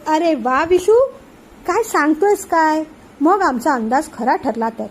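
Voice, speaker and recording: A woman's voice: sits high, expressive, unhurried, a little hiss or hum. A woman reading the part of a caring middle-aged aunt who coaxes affectionately. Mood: coaxing. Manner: coaxing, affectionate.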